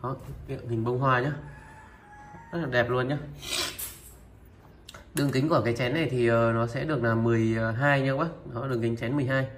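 A man presenting used Japanese goods for sale, item by item, in a steady and repetitive way. He talks to viewers familiarly and fills his pauses with filler sounds. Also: medium pitch, soft background music. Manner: steady, repetitive, opens nearly every line with a pointing word. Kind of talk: product showcase sales talk.

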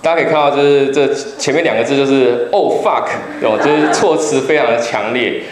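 A man's voice: medium pitch, fairly quick, crowd noise. A man in his thirties from Taiwan with a Taiwanese Mandarin accent, giving a chatty, joking talk to an audience. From Kaohsiung, Taiwan. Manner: chatty storytelling, jokes with the audience. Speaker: public lecturer, travel writer. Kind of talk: humorous public talk with slides. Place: lecture hall. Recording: roomy hall with faint background noise.

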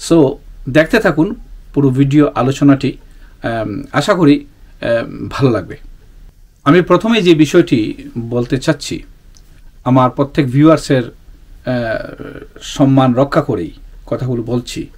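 A man from the Sylhet region of Bangladesh hosting his own channel, talking earnestly to viewers in a casual monologue, pausing often with fillers and restarting his sentences. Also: mid-range voice, animated, darkish tone. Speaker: YouTube channel host.

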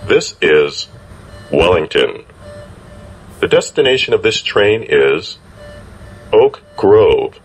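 Deep, slow male transit announcer. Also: sing-song, music in the background. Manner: measured, formal, evenly spaced phrases. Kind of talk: recorded station and train announcements. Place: on subway trains and platforms. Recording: announcements captured over rumbling train noise.

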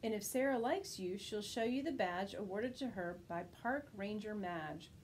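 A woman's voice: mid-range voice, moderate pace, a little hiss or hum, low-quality recording. A woman teacher reading a rhyming children's picture book aloud, lifting her voice for the characters. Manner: expressive rhyming storytelling, lifts her voice for quoted characters.

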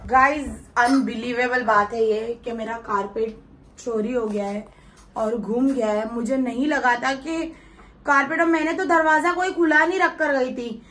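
A woman's voice: on the high side, fairly even intonation, unhurried, a bit bright. A woman complaining to her viewers about a stolen carpet and pressing her husband, in a casual home vlog. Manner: complaining, insistent, addresses viewers. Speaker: vlogger.

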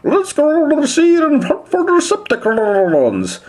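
A man's voice: extremely high pitch, huge pitch swings, measured pace, a little mellow, pitched above the performer's own voice, heavily acted. A man voicing a cheerful male sea-going robot with a bubbly, gurgling voice.

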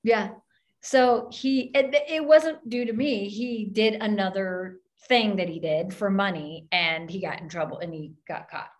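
A woman's voice: mid-range voice, a little slow. A woman minister telling a story in an open forum, acting out the voices of the people in it. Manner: animated, acts out the voices in her story.

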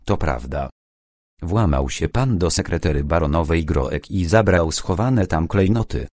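A man voicing a calm, ironic retired detective in his later years, talking in a low, measured, quietly commanding way in an audiobook. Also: no echo. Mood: stern.

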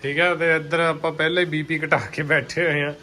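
A man's voice: fairly high pitch, little pitch movement, a little fast, sharp tone, a little hiss or hum. A man with a Punjabi accent and a cold, chatting casually as a family vlogger in a teasing, questioning manner. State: has a cold. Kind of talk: casual chat to camera and to a child.

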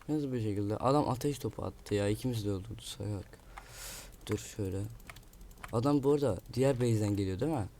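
A man's voice: on the low side, darkish tone, a little hiss or hum. A man giving casual live commentary while playing a video game, muttering to himself and grumbling about an opponent. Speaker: gaming video creator. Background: keyboard clicks and typing.

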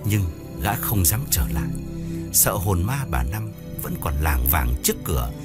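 A man narrating a ghost story audiobook in an expressive, dramatic way, with soft music behind. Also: sits low, unhurried.

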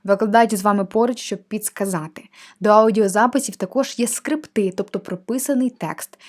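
Woman calmly explaining a learning platform. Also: medium pitch, a little fast. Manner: friendly, explains step by step. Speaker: language teacher reviewing a course platform. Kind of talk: screen-share walkthrough of a textbook.

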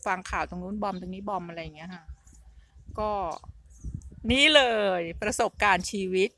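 A woman's voice: on the low side, moderate pace, bright, forceful tone. A middle-aged woman vlogging in a casual, rambling storytelling style, often repeating herself as she talks.

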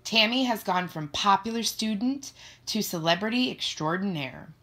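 A woman narrating a first-person children's story in an expressive, playful way. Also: mid-range voice, normal speed, breathy edge. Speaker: audiobook narrator.

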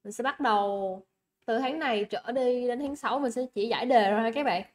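Brisk and on the high side, a young woman with a Vietnamese accent guides a livestream English exam review. She keeps it chatty and coaxing, repeating words and checking that everyone keeps up.

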